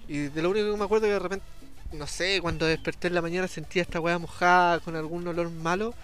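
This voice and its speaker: A man's voice: high-pitched, quick pace, faint music behind. A young Chilean man co-hosting a podcast, casually and animatedly telling a story to friends. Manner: animated, acts out shouted quotes. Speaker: podcast co-host.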